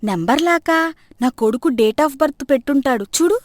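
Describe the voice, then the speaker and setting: Woman playing a bossy mother-in-law, loud, scolding, highish voice, storybook cartoon. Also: lively intonation, a little slow.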